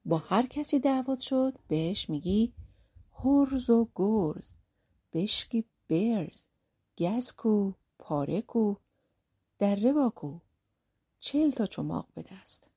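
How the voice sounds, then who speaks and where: A band of demons in a folk tale audiobook, begging in a raised, hurried voice, as a woman narrator puts them on. The tone stays husky and warm, with urgency rising through their pleas. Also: on the high side, animated. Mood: pleading. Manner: pleading and urgent. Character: a band of pleading male demons in a well.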